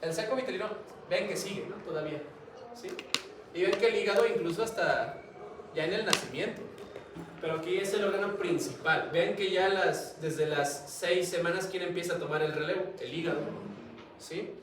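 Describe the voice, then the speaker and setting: A man's voice: high-pitched, normal speed. A man giving a classroom lecture, chatty and always asking the students questions. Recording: echoey classroom, mic far off, noisy.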